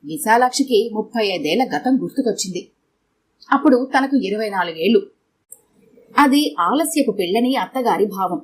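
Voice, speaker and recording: A woman narrating an audio story in a steady, measured reading. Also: medium pitch, slightly rough.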